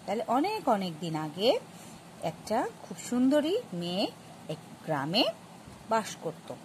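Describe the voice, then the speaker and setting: A woman teaching a grammar lesson, explaining patiently to students with many pauses and restarts. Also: mid-range voice, very animated, slight background noise, low-quality recording. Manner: patient, addresses students directly. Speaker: English teacher.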